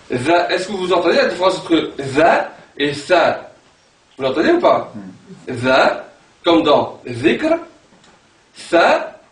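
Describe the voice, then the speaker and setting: A man teaching an Arabic pronunciation class, animated and repeating sounds aloud to demonstrate them. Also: a little high. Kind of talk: classroom lesson. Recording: echoey room from far off, background noise.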